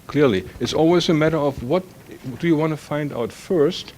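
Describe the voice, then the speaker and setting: A man's voice: on the high side, normal speed, a little mellow, slight background noise. German-accented man answering on a panel. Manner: thinks aloud with frequent fillers and restarts. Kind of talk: academic panel discussion.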